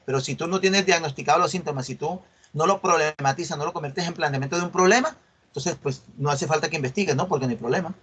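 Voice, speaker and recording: A middle-aged university lecturer teaches an online class over a video call in a husky, fairly bright, fairly high voice at a quick pace. He explains by acting out dialogues with students and often checks that they are following.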